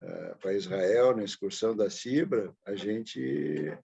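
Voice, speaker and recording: A man's voice: lowish voice, takes it slowly, gravelly, dark tone, husky, dull audio. A man from Brazil on a video call, chatting hesitantly about a trip, with many restarts. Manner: chatty, hesitant, emotional storytelling. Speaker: study group participant. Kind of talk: casual online group discussion.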